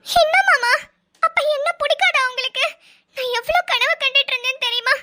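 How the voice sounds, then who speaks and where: A woman's voice: very high-pitched, a little fast, bright, forceful tone. A woman doing a whiny lovesick cartoon girl. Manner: whining, pleading. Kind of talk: cartoon voice acting.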